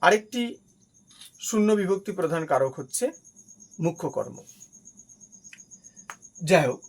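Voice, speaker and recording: A man's voice: fairly high pitch, expressive, unhurried, gravelly, poor audio. A man teaching a grammar lesson, who explains each step patiently, repeats key terms, and asks questions that he answers himself.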